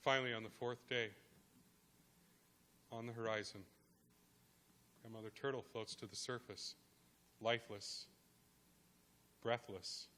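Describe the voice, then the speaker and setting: A man telling a traditional creation story aloud, with dramatic pauses and rhythmic repetition. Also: mid-range voice, steady tone, bright, forceful tone. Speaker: guest speaker. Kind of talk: oral storytelling.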